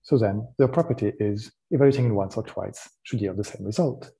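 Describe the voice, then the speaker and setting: A man with a French accent giving a technical conference talk. His voice is mellow and dark, and he explains in a relaxed way, often pausing on "um" and restarting his sentences. French is his first language. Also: fairly low pitch, gravelly. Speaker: conference speaker.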